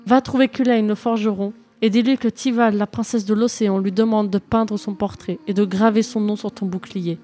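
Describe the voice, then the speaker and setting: A woman's voice: mid-range voice, steady tone, normal speed, hardly any pauses, dark tone, lightly acted. Woman doing a young storybook sea princess, scared and begging, lifted voice. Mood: solemn.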